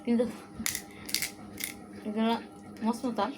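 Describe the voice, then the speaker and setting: A woman's voice: a little high, little pitch movement, takes it slowly. A woman hosting a mukbang, talking casually to viewers while eating, with short phrases and appreciative hums. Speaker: mukbang host. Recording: clear background noise.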